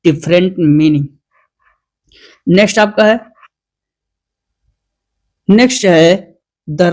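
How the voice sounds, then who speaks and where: In a mid-range voice with a darkish tone, a teacher runs an online exam-prep lesson. They read quiz questions out slowly, explain them, and often pose a question to the class only to answer it themselves.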